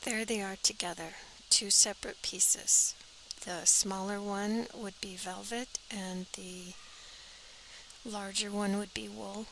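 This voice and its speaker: A woman's voice: medium pitch, fairly even intonation, slow pace, gravelly, fairly bright tone, a little hiss or hum, low-quality recording. A woman teaching a step-by-step sewing pattern drafting tutorial, practical and talking as she works, often dropping to an airy half-whisper.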